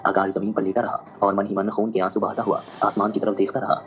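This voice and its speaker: Fast-talking low-voiced male narrator. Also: level tone, slight background noise. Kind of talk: dramatic audio-story narration.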